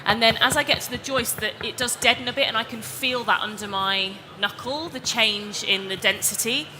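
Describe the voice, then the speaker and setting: A woman gives a chatty, step-by-step DIY demonstration on stage. Her voice is bright and a little high, and it echoes through a big exhibition hall with faint noise in the background. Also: moderate pace. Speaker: DIY presenter. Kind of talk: live demonstration talk. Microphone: headset or lapel mic.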